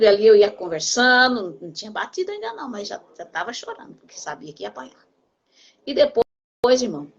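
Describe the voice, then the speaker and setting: A woman's voice: mid-range voice, a bit bright, muffled recording. An older woman pastor with a Brazilian Portuguese accent, preaching earnestly on a broadcast program and calling her listeners brother.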